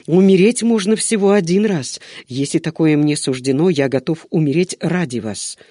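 A man's voice: a little high, normal speed, no room sound, studio quality, close to an everyday voice. A man voicing a tearful hot-tempered young servant. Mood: defiant. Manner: pleading, excitable, defiant.

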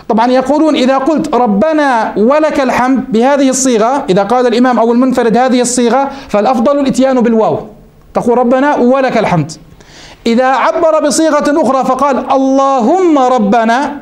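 High-voiced, quick-talking sheikh teaching a class. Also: male voice, a little mellow. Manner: explains step by step, asks the class questions and answers them himself. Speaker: sheikh teaching Hanbali jurisprudence. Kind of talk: classroom lesson on a legal text.

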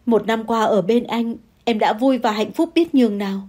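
A woman voicing a shrill, tearful young mistress. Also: normal speed, lightly acted. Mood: tearful wailing. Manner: shouting, wailing, pleading.

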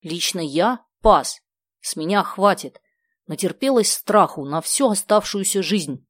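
A woman's voice: medium pitch, lively intonation, a little slow, no room sound, studio quality, voice pushed up. A woman voicing a sarcastic schoolgirl. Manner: sarcastic, indignant. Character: sharp-tongued sarcastic schoolgirl.

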